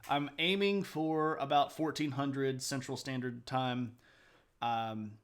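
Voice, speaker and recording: A man's voice: medium pitch, fairly even intonation, takes it slowly. Guy streamer chatting w his viewers, reads chat out, laughs a lot, takes his time. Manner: chatty, answers chat aloud, laughs often. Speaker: livestream host.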